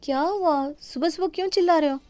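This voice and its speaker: A woman voicing a sharp-tongued young daughter-in-law who talks back sarcastically, in an animated story. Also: very high-pitched, brisk, no echo, studio quality, voice pushed up. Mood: irritated.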